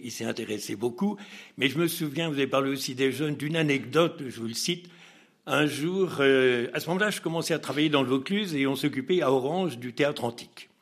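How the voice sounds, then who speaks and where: A man with a husky, slightly rough voice tells an anecdote during an interview. He sits at an ordinary middle pitch and acts out the dialogue. He breaks into laughs and restarts his lines as he goes. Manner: lively storyteller who acts out dialogue and laughs often; hesitant, with frequent restarts. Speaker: interview guest. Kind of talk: telling an anecdote in conversation.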